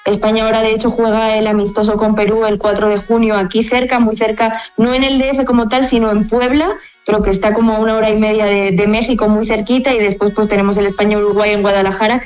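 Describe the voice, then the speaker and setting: A young Spanish woman from Asturias whose accent has picked up a Mexican mix, chatting as a football journalist guest on a radio show, relaxed and slowing down as she thinks. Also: mid-range voice, poor audio. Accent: Spanish with a slight Mexican mix. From Asturias, Spain. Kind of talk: casual radio interview.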